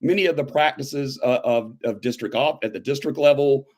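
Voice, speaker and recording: At a moderate pace, a man in his fifties who teaches high school history speaks as a guest in a conversational interview. He is animated and emphatic, building up to pointed questions.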